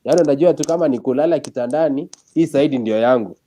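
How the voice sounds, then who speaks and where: A man with a Kenyan accent talks casually, as a guest recounting stories. His voice is mid-pitched and mellow. He moves freely between English and Swahili. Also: fast talker. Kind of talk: casual chat, storytelling.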